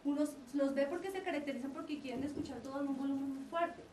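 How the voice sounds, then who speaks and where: A woman with a high, slightly mellow voice talks fast while giving a lecture on child development to parents and teachers. She explains things and often checks in with the audience. The recording is roomy and captured from a distance, with slight background noise.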